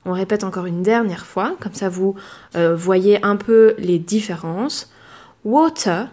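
A woman teaching a language lesson, speaking clearly and measuredly, and slowing down to model words. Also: medium pitch, steady tone, darkish tone. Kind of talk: explaining a lesson.

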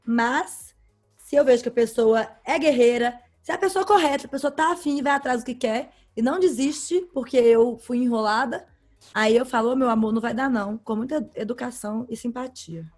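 A woman's voice: on the high side, normal speed, darkish tone, soft background music. A woman talking frankly and emphatically in a casual group chat.

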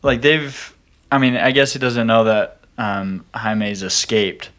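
A man's voice: on the low side, slow pace, a bit bright. Man chuckling through a movie review. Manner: laughs often, wry complaints. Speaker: podcast co-host. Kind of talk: casual movie review chat.

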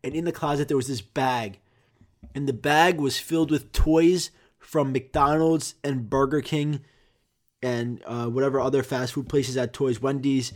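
A man's voice: fairly high pitch, darkish tone. A man hosting a podcast, telling childhood stories in a rambling, profane, self-interrupting way. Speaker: podcast host. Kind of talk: casual comedic monologue.

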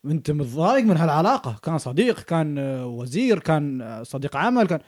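Fast-talking man explaining in a dry room. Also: fairly high pitch, big pitch swings, darkish tone, dry recording. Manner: explains points with frequent checks for understanding. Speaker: podcast co-host. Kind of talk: casual chat.

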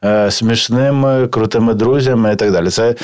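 Low-voiced, relaxed male podcast host. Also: normal speed, smooth. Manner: relaxed, chatty, swears casually. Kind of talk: casual podcast chat.

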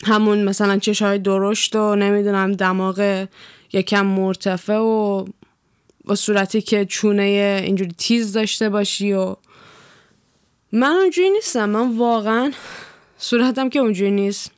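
In a casual chat, a young woman from Iran, a vlogger, delivers an animated, profane, no-holds-barred rant. She has a clear, smooth, medium-pitched voice, captured close and dry without echo or room sound.

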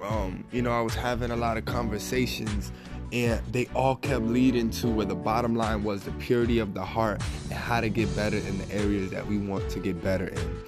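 A man hosting a faith podcast, upbeat and casual, often saying "man" and "y'all", with a stuffy, slightly raspy voice. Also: lowish voice, fairly even intonation, brisk, music in the background. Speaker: podcast host.

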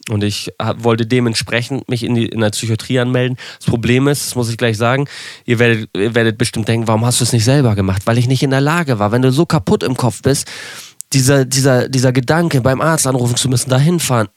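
Young male podcaster, dry close sound, rambling candid storytelling, mid-pitched voice. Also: fairly even intonation, fast, no echo. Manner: rambling, self-correcting, candid with wry asides. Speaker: podcast host.

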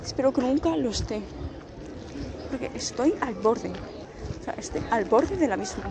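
Woman from Spain, high voice, near tears, halting confessional monologue, noisy background. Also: animated. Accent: Spain Spanish. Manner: halting, repeats and restarts her phrases. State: close to tears. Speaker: vlogger. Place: outdoors, people passing by.

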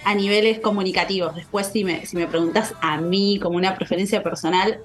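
Argentine woman guest, mid pitch, relaxed and chatty. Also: brisk, soft background music. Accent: Argentine Spanish. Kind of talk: casual chat on a call.

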